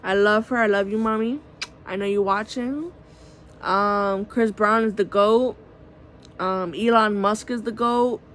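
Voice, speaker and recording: A woman's voice: mid-range voice, steady tone, measured pace, a bit bright, a little hiss or hum. Rambling, foul-mouthed woman vlogging late at night. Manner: rambling and candid, heavy use of "like", swears freely. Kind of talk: casual late-night vlog monologue. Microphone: phone camera.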